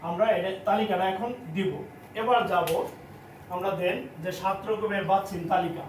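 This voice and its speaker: A high-voiced man with a Bangladeshi Bengali accent teaches a class, drilling each point by repeating it slowly. He sounds roomy and set back from the mic, with a faint hum of the surroundings behind him. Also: fairly even intonation. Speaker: language teacher. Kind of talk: classroom lesson. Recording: echoey room, mic at a distance.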